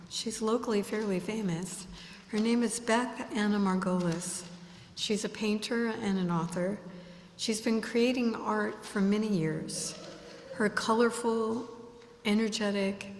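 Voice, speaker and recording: A woman introducing the next speaker at a community gathering, in a warm, plain way. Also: medium pitch. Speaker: event emcee. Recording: echoey hall, long reverb.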